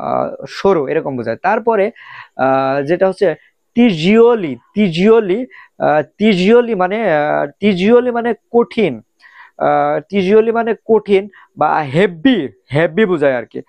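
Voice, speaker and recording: A man's voice: sits high, darkish tone, no room sound. A man giving a casual video lesson on vocabulary, repeating each word many times with frequent "ah" and "um" hesitations. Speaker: language teacher.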